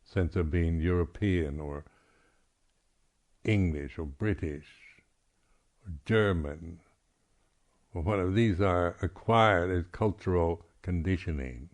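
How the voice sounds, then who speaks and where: At a meditation retreat, a male Buddhist monk teacher speaks reflectively and off the cuff. His deep voice comes out haltingly, interrupted by frequent throat-clearing.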